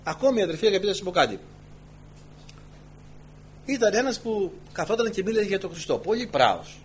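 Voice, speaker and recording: Male preacher, sermon delivery, higher-than-average pitch, very animated, storytelling. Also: a little hiss or hum. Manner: animated storytelling with many asides. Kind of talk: sermon to a congregation.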